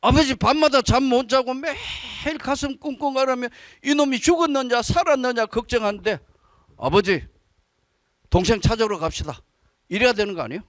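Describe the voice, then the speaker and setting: Man preaching a sermon, animated storytelling, high voice, dry close sound. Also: brisk, hardly any pauses, no room sound. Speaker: pastor. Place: church service.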